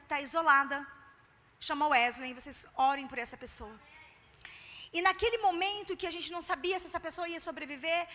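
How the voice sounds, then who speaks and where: Woman preaching in a church, very high bright voice, long echo in the hall. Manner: animated storytelling, emphatic, addresses the women directly. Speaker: preacher at a women's service. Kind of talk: sermon.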